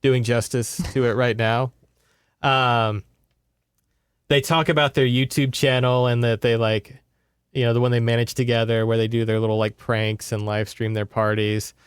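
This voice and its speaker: A man co-hosts a podcast, recapping a book in casual, rambling chat sprinkled with sardonic asides. His mid-range voice shows little pitch movement and moves at a moderate pace, with a clean tone and clean, echo-free studio sound.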